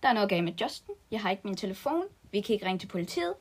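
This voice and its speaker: A woman's voice: mid-range voice, sing-song, husky. A woman reading a story aloud and voicing Lara, a frightened, panicky girl. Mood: panicked. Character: scared anxious girl Lara.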